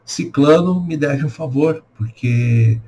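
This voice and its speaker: A Brazilian pastor in his sixties giving a calm, reflective home devotional with a prayer. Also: a little high, slight background noise. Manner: calm, unhurried, reflective with pauses. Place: small room at home, indoors. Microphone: webcam at desk.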